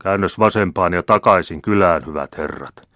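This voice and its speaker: A man reading an audiobook, voicing an older hot-tempered general who shouts fiery demands. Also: deep voice, no room sound, clean studio sound.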